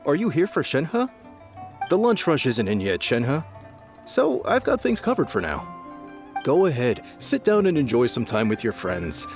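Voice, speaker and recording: An actor playing a friendly, easygoing restaurant chef and boss in a video game. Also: male voice, mid-range voice, wildly swooping pitch, a little slow, soft background music. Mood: genial.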